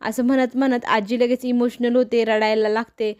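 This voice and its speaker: A woman's voice: on the high side, little pitch movement, moderate pace, darkish tone. A woman with a Marathi accent casually retelling a TV serial episode, lightly acting out the characters' lines as she goes. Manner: casual storytelling, acts out quoted dialogue lightly. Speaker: serial episode recap narrator.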